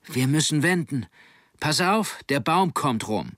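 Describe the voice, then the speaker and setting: A man voicing a determined teenage boy who shouts urgent orders while sailing in a storm. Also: medium pitch, measured pace, creaky, slightly rough, no echo, studio quality, exaggerated voice. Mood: urgent, shouting.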